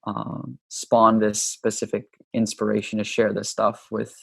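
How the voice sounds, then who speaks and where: A man from Hawaii, a yoga teacher and author, telling stories about his upbringing in an easygoing, unhurried way with frequent ums. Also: on the low side, completely flat delivery, vocal fry, slightly rough, no room sound. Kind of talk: relaxed conversational storytelling.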